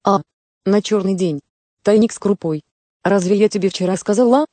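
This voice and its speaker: A woman voicing a drunk, grumbling village mother who is hungover and cold, in a snappish, groggy way, with a dark, mellow tone. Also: mid-range voice, normal speed, dry recording, close to an everyday voice.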